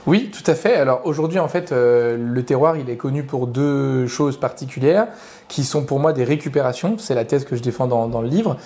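Speaking at a normal pace with a warm tone and medium pitch, a young adult male author appears as an invited guest. He answers interview questions with long, structured explanations, setting out his points one after another.

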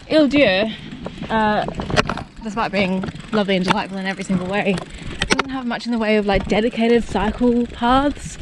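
A woman's voice: medium pitch, noisy background. A woman in her thirties, a sailing vlogger, chatting enthusiastically while cycling along an island coast, filming herself with a camera at arm's length. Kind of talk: casual vlog chat. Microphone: camera held at arm's length. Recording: music playing under the voice.

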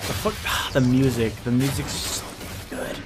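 A young man giving an excited, rowdy live reaction as a streamer, swearing freely in awestruck, drawn-out exclamations, party-animal style. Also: mid-range voice, over loud music. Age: young adult. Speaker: streamer reacting to a game showcase. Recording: clear game noise behind voice. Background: game sound and showcase audio.

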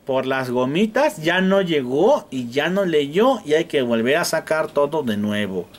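Teaching repair work to a room of students, this man has a Mexican accent and a sing-song voice on the high side, and he speaks at a measured pace. He demonstrates hands-on, joking and impersonating frustrated customers.

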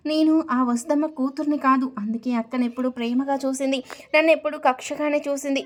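A woman's voice: high-pitched, steady tone, brisk, natural voice. A woman reading the brooding inner monologue of a bitter, resentful young wife.

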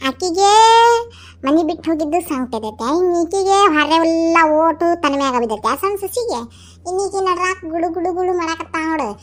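A woman's voice: extremely high pitch, animated, brisk. A woman narrating a comedy cartoon in a chatty way, with a North Karnataka accent. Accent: North Karnataka Kannada. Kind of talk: comic narration.

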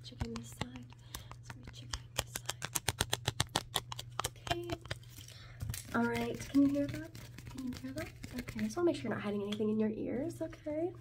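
A woman in a soft ASMR ASMR role-play, playing a suspicious airport security officer who gives procedural, repeated instructions. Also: on the high side, a little fast, long pauses, close to an everyday voice. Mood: soft, soothing. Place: small room at home, indoors. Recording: distant mic, clear background noise, clicks.

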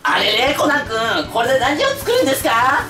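A man's voice: very high-pitched, huge pitch swings, moderate pace, distant mic, pitched above the performer's own voice, full character voice. Man putting on a prim little cartoon sidekick boy. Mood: eager, puzzled. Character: polite eager young boy sidekick in a detective cartoon. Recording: roomy room with background music.

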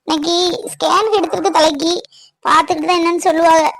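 A woman's voice: very high-pitched, fairly even intonation, quick pace, gravelly, a bit bright, slight background noise, heavily acted. A woman voicing an anxious young wife explaining bad news in a dubbed cartoon. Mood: worried. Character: worried young wife, soft-spoken.

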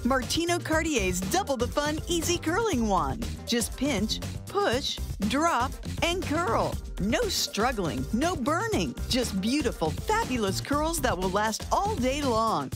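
A woman delivering an upbeat, emphatic infomercial voice-over sales pitch. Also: very animated, slow, hardly any pauses. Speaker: infomercial announcer. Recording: music bed under voice. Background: music.

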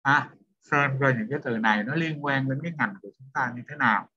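A man's voice: medium pitch, fairly quick, bright, forceful tone, husky. A male teacher, lecturing a class and questioning students one by one. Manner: questioning students, repeats points. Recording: dull lo-fi sound.

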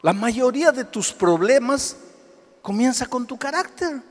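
Animated preaching man, big swings. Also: extremely high pitch, a little slow, in a large hall. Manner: preaches with rhetorical questions, swinging between hushed and loud. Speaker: pastor. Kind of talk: sermon.

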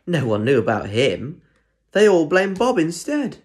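With a voice on the high side that swoops wildly in pitch, this young British man takes a children's picture book a little slowly. He reads it expressively like a primary school story reader, breaking off to chat with listeners. The setting is a small room at home, recorded by a phone or tablet at arm's length.

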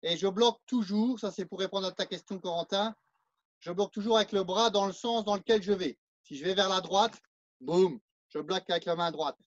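Speaking a little fast in a high voice, a French-accented man runs a live online martial arts class, counting and explaining each move as he shows it. The recording is muffled, with no echo.

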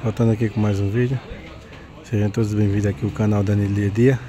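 A man's voice: lowish voice, level tone, quick pace. A Brazilian man hosting a casual walking vlog, giving repetitive, conversational remarks on what he sees. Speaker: vlogger, channel host. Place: outdoor street market. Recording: busy street market crowd noise. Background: loud crowd and street bustle.

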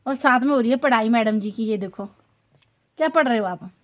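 Talking to her viewers and family, a woman vlogs casually into a handheld phone held at arm's length. Her voice is a little high and she speaks briskly; the recording is dry, with background noise.

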